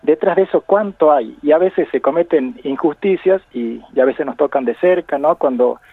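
A man's voice: a little high, moderate pace, dry recording. A man with an Argentine accent, a university professor speaking as a radio guest, reflective and laughing often. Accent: Argentine Spanish. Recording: phone line on radio.

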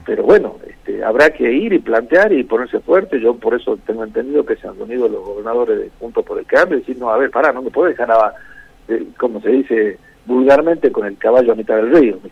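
A man's voice: medium pitch, animated, a little fast, vocal fry, breathy edge, no echo. A man from Argentina with an Argentine accent, a provincial minister answering radio interview questions by phone, often hesitating and repeating words before listing items with emphasis. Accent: Argentine Spanish. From Jujuy, Argentina. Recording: tinny phone line, dry.

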